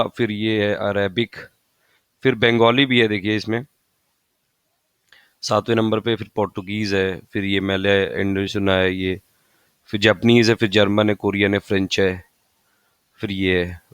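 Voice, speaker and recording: A man explaining exam facts in a casual, rambling lesson, repeating points and pausing with fillers. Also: on the low side, a bit bright, smooth, dry recording. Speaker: exam-prep tutor.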